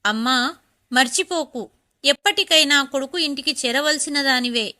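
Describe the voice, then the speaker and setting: A woman's voice: high voice, moderate pace, bright, forceful tone. A woman reading the lines of an angry, defiant grown son in a storybook tale.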